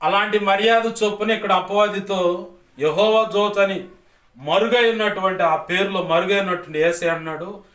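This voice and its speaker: A man's voice: high-pitched, steady tone, normal speed, a bit bright, recorded from a distance. Male pastor, emphatic repetitive preaching, reverberant church hall, mic set back. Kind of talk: sermon.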